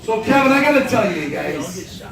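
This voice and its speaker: Middle-aged man, high voice, joking father of the bride speech, echoey room, mic at a distance. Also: big pitch swings, normal speed, vocal fry, a crowd in the background. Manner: joking, storytelling, rhetorical check-ins with the audience.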